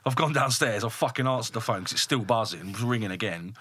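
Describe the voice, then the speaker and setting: A man's voice: medium pitch, quick pace, breathy edge, no room sound. A man, a builder guest on a podcast, telling a story bluntly with lots of swearing. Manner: blunt, heavily profane, animated retelling. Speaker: guest, builder and property developer.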